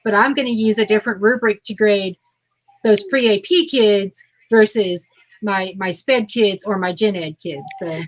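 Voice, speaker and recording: A woman's voice: medium pitch, unhurried, a little hiss or hum, rough recording. A woman teacher adding points agreeably on a conference panel, with some fillers.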